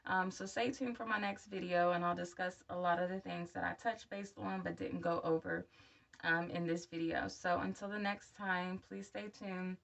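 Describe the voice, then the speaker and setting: A woman's voice: lowish voice, fairly even intonation, moderate pace, creaky, fairly bright tone. A woman in her thirties who is a new denture wearer, talking candidly and encouragingly to viewers in a casual personal video update. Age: 30s. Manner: candid, encouraging direct address. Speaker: vlogger. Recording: voice somewhat far from the mic.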